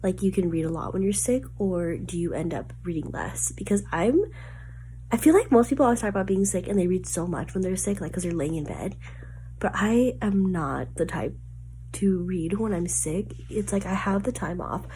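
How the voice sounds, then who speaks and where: A woman's voice: fairly low pitch, expressive, moderate pace, warm tone, a little hiss or hum. A young woman with a sick, stuffy nasal voice, chatting casually in a book vlog and rambling with lots of filler words. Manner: rambling, filler-heavy talk with many "like"s. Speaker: book vlogger. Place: at home.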